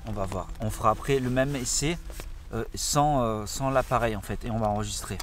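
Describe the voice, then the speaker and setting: A young man narrating a paranormal investigation from a tent in a forest, explaining each step eagerly and often dropping to a hush. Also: mid-range voice, a little fast, loud music behind the voice. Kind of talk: casual on-location narration.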